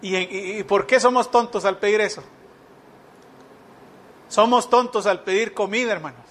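High-voiced preacher man. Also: moderate pace, a bit bright. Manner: rhetorical questions, mimics whiny believers. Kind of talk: sermon.

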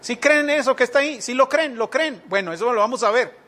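A man's voice: very high voice, quick pace, pushed and bright. A man preaching a sermon, asking the congregation rhetorical questions and mimicking whiny believers.

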